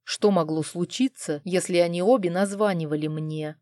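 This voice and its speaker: A woman's voice: fairly low pitch, normal speed, mellow, no echo, clean studio sound. A woman narrating a romance novel in the first person with a dramatic, emotional reading. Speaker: audiobook narrator.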